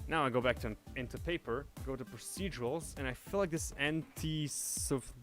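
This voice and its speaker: A man's voice: medium pitch, a bit bright. A young man from Indonesia, thinking aloud and narrating his steps at home while working on a project live. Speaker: livestreaming 3D artist. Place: home room shared with family.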